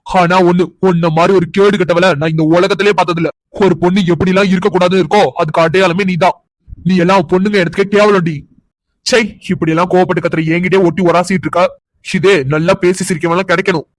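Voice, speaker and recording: A man's voice: sits high, flat delivery, fast talker, no room sound, close to an everyday voice. A man voicing a sneering, harsh young husband. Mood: scornful anger. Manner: scolding, sneering tirades. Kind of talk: cartoon drama voice acting.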